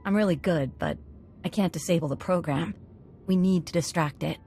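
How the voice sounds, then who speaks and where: Speaking at a normal pace in a lowish, warm voice close to her everyday one, a woman plays a cocky convict hacker in a cutscene. She's matter-of-fact and self-assured, with slight background noise.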